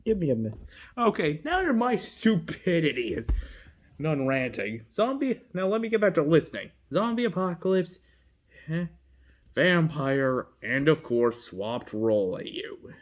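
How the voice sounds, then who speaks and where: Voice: medium pitch, very animated, a little slow. A fandom video creator talking off the cuff in a rambling, giggly way, correcting themselves often and breaking into laughter. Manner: rambling, giggly, lots of self-corrections and asides. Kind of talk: casual rambling commentary.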